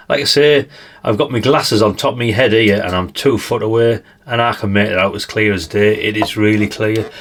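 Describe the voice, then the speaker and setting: A man with a slightly croaky voice, chatting casually through a radio review and tossing in tag questions. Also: fairly low pitch. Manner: chatty, adds tag questions like "isn't it, really?". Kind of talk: casual product demonstration.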